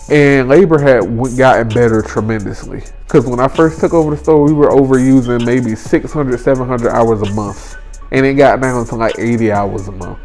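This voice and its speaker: A young man in his twenties tells a workplace story straight to camera in casual, colloquial speech. He hammers his points home by repeating phrases, at a middle pitch, with faint music behind him. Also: a little mellow. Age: 20s. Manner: emphatic, repeats phrases for effect. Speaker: vlogger. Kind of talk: storytime vlog.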